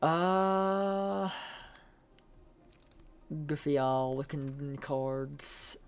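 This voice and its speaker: Excitable Scottish game streamer. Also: mid-range voice, extremely slow, clean tone. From Scotland. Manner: excitable, swears freely, stumbles and repeats words. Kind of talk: casual live-stream chat while playing.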